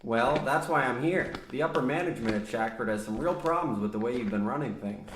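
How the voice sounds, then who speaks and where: In a comedic radio play that parodies old radio drama acting, a male actor plays a businesslike young mine surveyor, the polite, matter-of-fact straight man. His medium-pitched voice is brisk and lightly acted. The recording has a roomy echo and faint noise.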